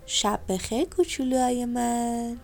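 A woman with a high, light voice narrates a bedtime story for children. She speaks gently and turns to the little listeners with questions. Soft music plays faintly behind her. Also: steady tone. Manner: gentle, addresses children directly.

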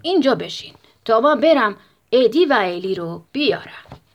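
A woman voicing a calm, friendly male zookeeper in a bedtime story, speaking firmly. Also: fairly high pitch.

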